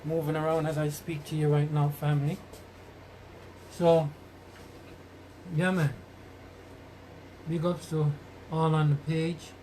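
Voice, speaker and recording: Taking it slowly with long pauses, a man with a fairly high, warm voice and a flat delivery hosts a casual live podcast. He greets his community with blessings in Rasta-style speech and repeats phrases for emphasis, moving away from the mic so the sound is noisy and distant.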